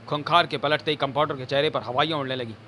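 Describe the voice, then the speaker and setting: A man reads a horror comic aloud with theatrical, suspense-building flair. His voice is bright and sharp, sitting slightly high, with a faint hiss of noise behind it. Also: fairly even intonation, fast talker. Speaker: narrator. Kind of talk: dramatic audio comic narration.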